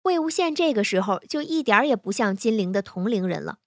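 A woman reading fan fiction aloud in a smooth, even storytelling manner. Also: mid-range voice, brisk, no room sound, clean studio sound.

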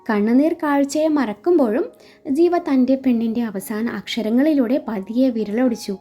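A woman's voice: on the high side, moderate pace, warm tone. A woman storyteller narrating a dramatic story in an emotional, sorrowful way. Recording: dull lo-fi with faint music.

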